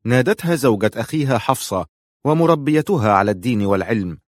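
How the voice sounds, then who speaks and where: Measured male audiobook narrator, dry sound. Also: mid-range voice, expressive, no echo. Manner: measured, emotive.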